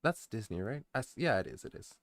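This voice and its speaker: A man's voice: medium pitch, expressive, fast. A man chatting casually on a livestream, rambling and hesitant as he answers his viewers and gets easily distracted. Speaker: streamer, VTuber introducing his channel. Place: indoor streaming setup, background music behind the voice.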